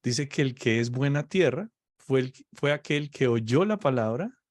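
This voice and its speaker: A man's voice: medium pitch, expressive, no echo. A man teaching on faith in a conversation, explaining patiently and often checking "ok?" with his listener. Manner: slow, explaining, checks understanding with "¿ok?". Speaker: preacher.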